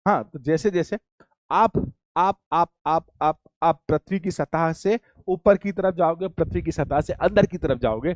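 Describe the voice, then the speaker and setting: A man's voice: fairly high pitch, darkish tone. A man teaching a physics class online, repeating key points and quizzing his students with call-and-response questions. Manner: addresses students as beta and bachhe.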